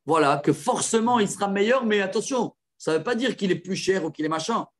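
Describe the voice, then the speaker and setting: A man teaching a lively class on religious law as a rabbi, enthusiastic and quick with praise for his students. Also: high-pitched. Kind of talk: lively halakha lesson with students.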